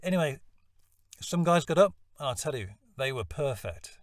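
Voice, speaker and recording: A man's voice: on the high side, lively intonation, moderate pace, no room sound, clean studio sound, distant mic. A man telling a personal story in a reflective, self-deprecating way. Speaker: voice-over hopeful vlogger.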